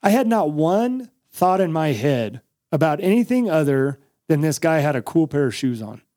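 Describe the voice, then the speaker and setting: An American man with a fairly high voice talks casually and emphatically on a podcast. He drives points home by repeating them, in a dry, close recording. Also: big pitch swings, moderate pace, dark tone, dry recording. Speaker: podcast host. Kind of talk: casual opinionated podcast talk.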